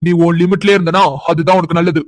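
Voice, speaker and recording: A man's voice: high-pitched, steady tone, fast, close to an everyday voice. A man voicing a contemptuous young husband in a cartoon drama, delivering scolding tirades. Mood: scornful anger.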